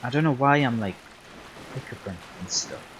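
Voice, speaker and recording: A man's voice: mid-range voice, moderate pace, slight background noise, low-quality recording. Laid-back young man rambling over gameplay. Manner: relaxed, rambling, self-correcting with many fillers. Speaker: livestreaming gamer. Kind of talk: casual gameplay commentary.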